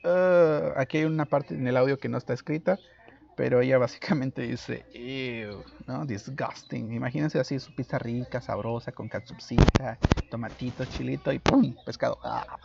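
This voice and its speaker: A man's voice: medium pitch, normal speed, creaky, darkish tone. A man teaching an English lesson, explaining grammar casually and switching between two languages. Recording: dull lo-fi audio.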